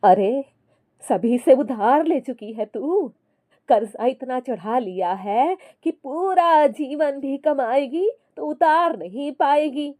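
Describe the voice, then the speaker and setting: A woman voicing a stern, scolding older mother-in-law who speaks slowly and drags out her words. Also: high voice, lively intonation, dark tone, voice pushed up. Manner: slow, drawn-out scolding.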